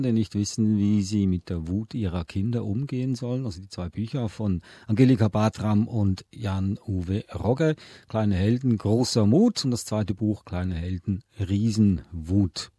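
A man hosting a radio program, chatting in a relaxed way and asking his co-host questions. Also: fairly low pitch, normal speed, slightly rough, no echo, studio quality. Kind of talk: radio chat and sign-off.

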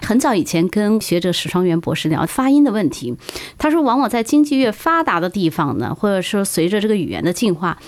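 A woman's voice: medium pitch, very animated, fairly quick, darkish tone. A woman hosting a radio interview, guiding her guest with prompting questions. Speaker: radio host.

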